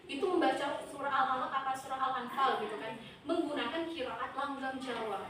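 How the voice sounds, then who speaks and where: Young woman teacher, high voice, echoey classroom heard from far off, noisy. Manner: lively, asks the class questions. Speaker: student teacher. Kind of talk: classroom lesson.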